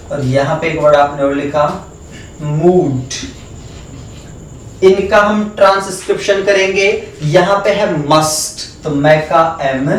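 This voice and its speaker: A man teaching a phonetics lesson at a board, spelling out words letter by letter and repeating them slowly. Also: a little high, a little hiss or hum. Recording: echoey room, voice from far off.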